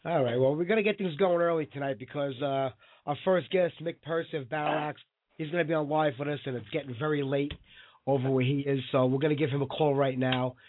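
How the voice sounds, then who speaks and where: A man hosts a radio show in casual, live chat. His voice is fairly high and worn out by a cold. The sound is narrow and phone-like, with a dry, close feel. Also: steady tone, quick pace, no echo. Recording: phone-like lo-fi audio.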